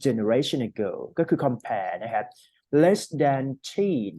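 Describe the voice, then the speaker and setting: A man's voice: medium pitch, sing-song, very slow, dark tone, no echo. A man giving a casual one-on-one English lesson, explaining with fillers and frequent checks. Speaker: English tutor.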